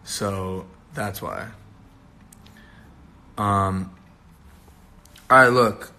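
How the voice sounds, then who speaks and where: Tired, rough-voiced young man livestreaming. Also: on the low side, steady tone, drawn-out words, sharp tone, slight background noise. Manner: loose and rambling, casual swearing. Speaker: livestream host. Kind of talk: casual live-stream chat.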